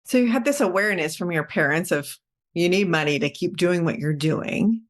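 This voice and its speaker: A woman co-hosting a podcast, asking measured, reflective follow-up questions. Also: on the low side, lively intonation. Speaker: podcast co-host.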